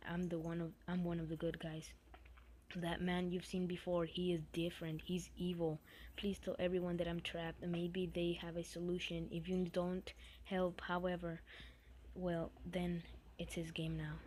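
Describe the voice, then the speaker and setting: Trapped game ghost guy begging for help, low and flat, half whispered, woman reading it. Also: moderate pace, slight background noise, lightly acted. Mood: pleading. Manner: hushed, partly whispered. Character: trapped male game entity pleading for help.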